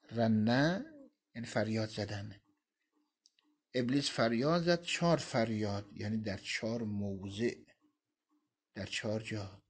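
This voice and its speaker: A man's voice: medium pitch, slightly rough. A man teaching a religious lesson, reading Arabic quotations and explaining them phrase by phrase. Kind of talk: Quran commentary lesson.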